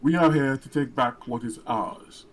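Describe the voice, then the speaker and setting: A man's voice: medium pitch, measured pace, lightly acted, rough recording. A man voicing a haughty, commanding female knight who speaks in formal, scornful tones.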